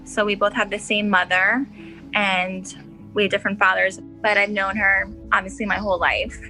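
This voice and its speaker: A woman's voice: mid-range voice, flat delivery, normal speed, pushed and bright, soft background music, poor audio. A woman interviewee recalling her sister in a chatty, casual way. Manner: chatty, with frequent "like" fillers.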